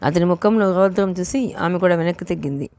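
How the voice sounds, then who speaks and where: A woman reading a novel aloud as an audiobook narrator, in steady storytelling. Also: fairly low pitch, a little fast, no room sound.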